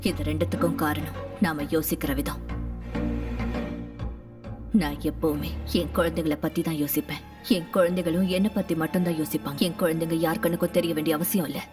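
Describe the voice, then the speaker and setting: An actress playing a grieving mother haunted by her dead children, speaking calmly and cryptically in a film. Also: deep voice, brisk, music in the background, lightly acted. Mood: cryptic. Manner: calm, cryptic, intense. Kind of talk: film dialogue. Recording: distant mic under film score.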